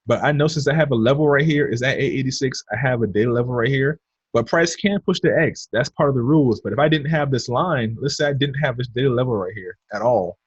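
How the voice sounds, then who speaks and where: Talking fast with a breathy edge, this man teaches trading on a screen share. His mid-range voice stays chatty as he addresses viewers as "you guys" and mumbles to himself while sketching. The sound is lo-fi and free of echo.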